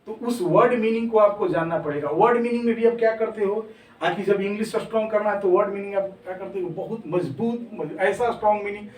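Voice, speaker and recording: Man teaching English, echoey room. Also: high-pitched. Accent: Indian English. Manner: mixes Hindi with slow, deliberate English phrases. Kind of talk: spoken English lesson. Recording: echoey room, mic far off.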